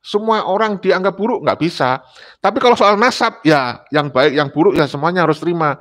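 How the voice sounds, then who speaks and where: A man's voice: on the high side, a little fast, a bit bright. A man from Indonesia speaking emphatically in a panel discussion, lecturing and repeating his points. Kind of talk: discussion talk.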